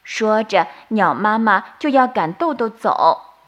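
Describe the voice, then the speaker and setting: A woman storyteller narrating a bedtime story for children in a slow, soothing manner. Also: medium pitch, animated, fairly bright tone. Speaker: storyteller host.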